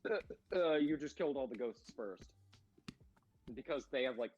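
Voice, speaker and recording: A young man chatting as a player in a tabletop game, animated, laughing and swearing. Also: medium pitch, normal speed, highs cut off. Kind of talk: casual tabletop game chat.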